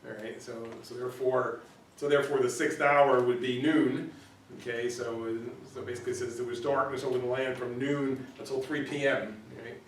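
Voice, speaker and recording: A man's voice: mid-range voice, level tone, moderate pace, slight background noise. A man leading an informal Bible study, explaining in a conversational way, repeating words and often checking in with "right?". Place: church room. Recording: roomy echo, recorded from far off.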